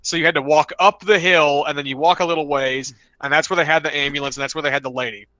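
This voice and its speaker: A man's voice: on the high side, fairly even intonation, fast talker, pushed and bright, no room sound, dull audio. A man co-hosting a podcast, telling a long rambling story in casual chat and often restarting his sentences. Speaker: podcast co-host.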